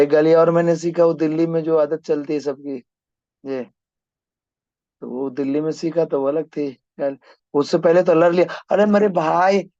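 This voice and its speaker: A brisk male maths teacher with a fairly high voice, pressing his class to finish their sums, and drifting into loose chat in between. His voice sounds dry, close and a little dull, recorded in a classroom. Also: dark tone, no room sound. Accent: Hindi-speaking, from north India. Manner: brisk, urging students to hurry. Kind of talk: classroom teaching and banter with students.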